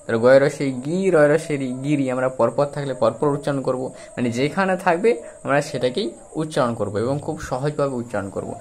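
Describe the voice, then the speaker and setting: A man teaching a children's reading lesson, spelling out words syllable by syllable in a slow, drawn-out way. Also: mid-range voice, darkish tone, a little hiss or hum.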